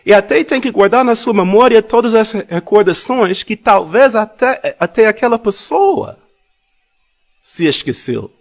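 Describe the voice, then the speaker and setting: A man giving a public Bible talk, deliberate and repeating phrases for emphasis, with personal anecdotes woven in. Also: high voice. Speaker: congregation speaker.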